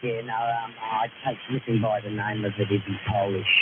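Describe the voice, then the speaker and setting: A man's voice: fairly low pitch, flat delivery, normal speed. A man chatting casually on air, heard through a crackly, mistuned CB radio transmission. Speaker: CB radio caller. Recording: hissy, tinny CB radio signal.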